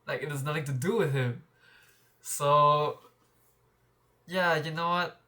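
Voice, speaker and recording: This vlogger is a young adult man with a fairly high, sharp-toned voice and a slow pace. Talking openly in a laid-back vlog, he muses with many false starts and repeated words, picked up by a mic clipped to his shirt.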